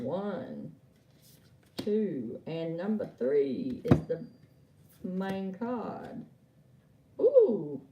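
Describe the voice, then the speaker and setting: A woman chats through an oracle card reading, laughing and calling viewers by name. Her voice sits low and mellow but swings widely, and she takes her time. It sounds like an echoey room with the mic set back from her. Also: recorded from a distance, slight background noise. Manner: chatty, laughs often, talks to viewers by name. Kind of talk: live stream chat with viewers.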